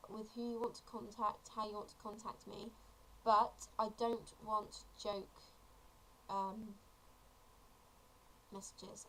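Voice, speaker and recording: A woman's voice: a little high, fairly bright tone, a little hiss or hum, poor audio. Chatty seventeen-year-old girl explaining things. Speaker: vlogger. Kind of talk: casual tutorial vlog.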